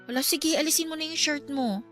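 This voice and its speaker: With music behind her, a Filipino radio drama actress voices a caring yet exasperated young girlfriend tending to her man, nagging but tender. Her voice sits high, a bit bright, and moves fairly quickly.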